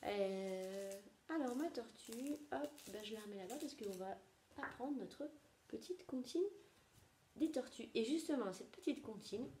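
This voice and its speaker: Slow gentle woman teaching a rhyme. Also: fairly high pitch, animated. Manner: slow, gentle, sing-song, with soft whispers. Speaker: preschool teacher. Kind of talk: nursery rhyme lesson for young children. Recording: echoey room with faint noise.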